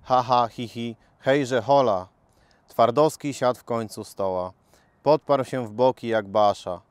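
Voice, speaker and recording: A man's voice: mid-range voice, unhurried, smooth, no echo. A man, a local resident, reading a ballad in a boisterous, rollicking way. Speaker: resident reader. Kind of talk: lively poetry reading.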